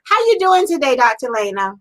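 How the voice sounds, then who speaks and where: A woman's voice: high voice, very animated, brisk, low-quality recording. A woman hosting a live-streamed interview, talking in an effusive, upbeat and encouraging way. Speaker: interview host.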